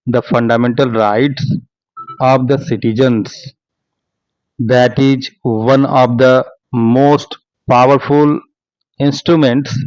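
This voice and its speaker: Man, Indian accent, slow dictation, measured short phrases, dry muffled recording. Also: medium pitch, a little mellow, no echo. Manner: measured, phrase-by-phrase delivery with spoken paragraph marks. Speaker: stenography dictation instructor. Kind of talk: dictating a speech for shorthand practice.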